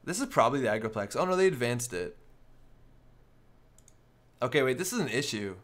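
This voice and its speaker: A man's voice: mid-range voice, big pitch swings, fairly quick, a bit bright. A man giving live, casual commentary on a card game, thinking aloud as he works through each play step by step.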